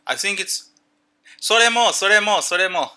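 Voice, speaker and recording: A man chatting casually on a livestream, greeting viewers and explaining things haltingly with many fillers. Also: high voice, expressive, bright, forceful tone. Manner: greets chat viewers by name.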